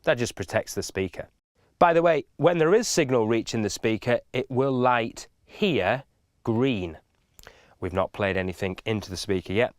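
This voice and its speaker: A man with a mid-range voice gives an informal step-by-step video tutorial as an instructor. He's methodical and instructive, and the sound is dry and close with no echo.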